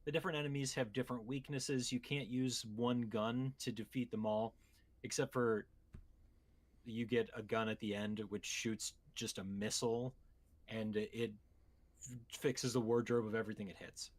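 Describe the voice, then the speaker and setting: A man with a mid-range voice co-hosts a podcast about video games, keeping his intonation fairly even and his pace moderate. His explanations ramble in a relaxed, chatty way.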